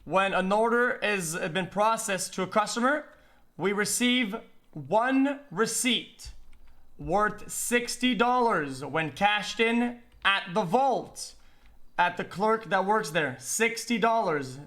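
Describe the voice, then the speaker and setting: A man's voice: sits high, lively intonation, takes it slowly, a bit bright. A man giving formal, methodical testimony as a witness in a role-play court.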